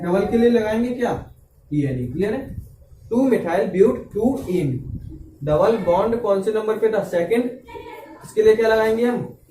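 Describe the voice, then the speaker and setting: A man with a high, mellow voice teaches a class lecture and keeps checking that the students follow him. He sits a little back from the microphone in an echoey room, with a faint hiss underneath. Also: recorded from a distance. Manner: checks understanding with frequent "clear?" and "okay". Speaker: chemistry teacher.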